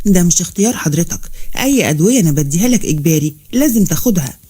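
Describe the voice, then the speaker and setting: A woman's voice: on the low side, animated, rapid-fire, breathy edge, voice pushed down. A woman voicing a fierce, hot-tempered young nurse who speaks sharply, with an Egyptian accent. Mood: indignant. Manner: sharp and indignant.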